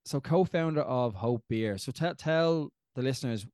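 A man's voice: medium pitch, animated, moderate pace, no room sound, studio quality. A man hosting a podcast in a chatty, upbeat way, introducing and questioning his guest. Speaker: podcast host. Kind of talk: casual interview. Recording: loud music behind.

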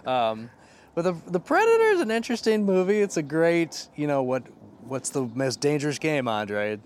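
Male podcast co-host, somewhat high voice, expressive, chatty with fillers. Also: normal speed, a little hiss or hum. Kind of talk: casual chat.

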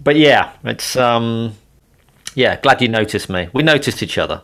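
A man's voice: medium pitch, lively intonation, unhurried, fairly bright tone. A man chatting casually in an interview, rambling through anecdotes in a self-mocking way and laughing often. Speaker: interviewed performer and pianist. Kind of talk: casual podcast chat.

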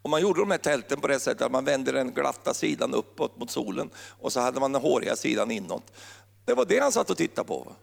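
A man's voice: mid-range voice, sing-song, gravelly, big-room sound. A man preaching a sermon in a playful, joking way, full of wordplay. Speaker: pastor.

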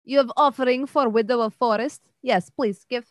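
A woman voicing a hungry giant female forest spider who talks in slow, broken, clipped phrases. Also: on the high side, voice pushed up, close to an everyday voice. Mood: menacing.

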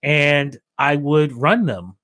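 Interview guest: Canadian radio veteran, middle-aged, lively raconteur who plays both sides of old calls; fairly high voice. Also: male voice, takes it slowly, no echo, clean studio sound. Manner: animated storyteller who acts out both sides of remembered phone calls. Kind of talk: casual storytelling in an interview.

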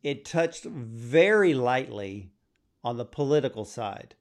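A man conducts an interview at an even, measured pace, building up long questions. He praises the work openly before he puts the question to his guest. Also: mid-range voice.

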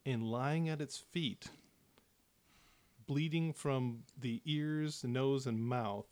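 A man narrating a tabletop game as game master, in a relaxed, descriptive way with casual fillers. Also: medium pitch, very slow, dry recording.

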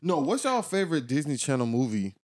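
Male podcast co-host, lively swooping pitch, profane jokester. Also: a little fast. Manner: joking, profane, laughs often. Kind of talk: casual chat.

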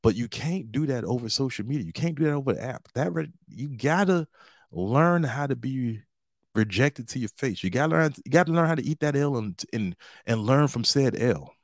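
A man's voice: mid-range voice, lively intonation, moderate pace, no echo, clean studio sound. A man in his forties hosting a podcast alone, talking casually and with slang, like he is handing out advice. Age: 40s. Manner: slangy, big-brother advice-giving tone. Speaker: podcast host and stand-up comedian. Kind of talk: casual solo podcast monologue.

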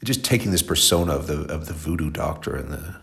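Very deep, gravelly-voiced stuffed-up man host. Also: quick pace, a bit bright. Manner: rambling, talkative, self-deprecating. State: stuffed up and a little tired. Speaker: radio show host. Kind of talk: casual chatty show talk.

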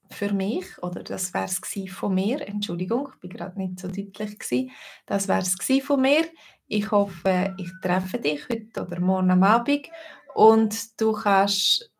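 Slow-talking Swiss German woman teacher. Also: mid-range voice, creaky, a little mellow. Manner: slow and hesitant, many fillers. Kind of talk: casual online lesson.

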